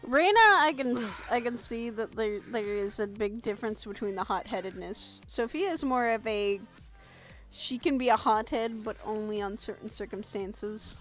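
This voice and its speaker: A woman chatting casually with a friend during a roleplay game, reassuring and quick to laugh. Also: on the high side, animated, a bit bright, faint music behind, rough recording. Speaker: fellow roleplayer. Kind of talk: casual gaming chat.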